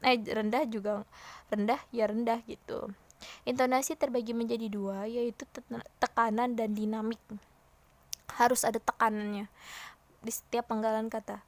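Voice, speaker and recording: Lively woman teacher, dry sound. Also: a little high, normal speed, pauses often, dry recording. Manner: lively, demonstrates lines with raised and hushed voice. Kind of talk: casual classroom lesson.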